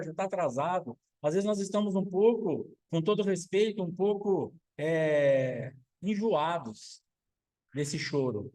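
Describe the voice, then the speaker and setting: A man's voice: high-pitched, darkish tone, rough recording. A man, a pastor, preaching a sermon, asking rhetorical questions and acting out quotes.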